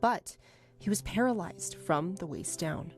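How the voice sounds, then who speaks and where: A woman reporter narrating a TV news feature story in a scripted, expressive way. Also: lowish voice, unhurried. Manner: lively, expressive storytelling delivery. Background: background music.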